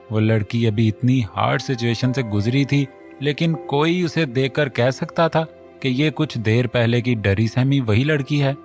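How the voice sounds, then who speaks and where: Guy reading a love story out loud, steady, normal pitch, bit of quiet music. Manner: steady storytelling, reads all the voices. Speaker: narrator. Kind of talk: scripted narration of a romance novel.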